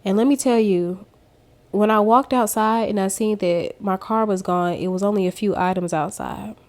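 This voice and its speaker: A woman with a slightly mellow, mid-range voice shares her testimony casually on her faith vlog, keeping a fairly even intonation and moderate pace. She tells her story in a chatty way, speaking right to her viewers.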